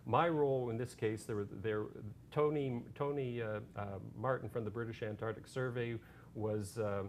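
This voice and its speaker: A man telling a story to an audience, with many "uh"s, stops and restarts as he goes. His voice sits at an ordinary middle pitch. A faint low rumble sits under the recording. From Canada. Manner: halting anecdote, many fillers, gets animated and loud retelling shouts. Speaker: author giving a talk. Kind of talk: storytelling public talk.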